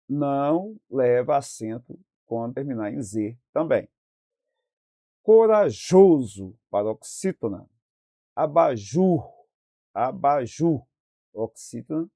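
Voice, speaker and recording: A male teacher explains worksheet answers at an unhurried pace, drawing out each word as he dictates. His voice is mellow and swings widely in pitch. The recording is dry and close, with no room sound. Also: no room sound. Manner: slow, explanatory, stretches out words while dictating answers. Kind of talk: recorded lesson going over worksheet answers.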